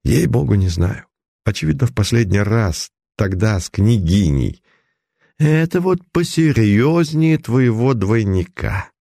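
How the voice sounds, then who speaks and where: A man voicing an excitable, frightened baron in an audiobook reading. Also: fairly low pitch, gravelly, no room sound, clean studio sound, pitched above the performer's own voice, full character voice. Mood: fearful. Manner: agitated, quick and fearful.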